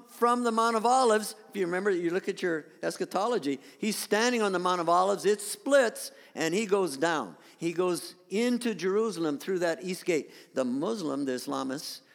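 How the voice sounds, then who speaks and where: Here a male pastor delivers a conversational, slide-illustrated sermon, his voice high-pitched, expressive, and gravelly at a moderate pace. Pictures appear on a screen as he speaks to the congregation, frequently starting his sentences over. The room carries a long hall reverb.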